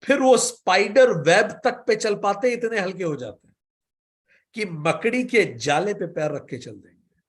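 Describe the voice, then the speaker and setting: A man teaching yoga philosophy in a spiritual lecture, guiding with questions and stories and reciting sutras slowly. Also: high-pitched, lively intonation. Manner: slow, measured recitation of sutras.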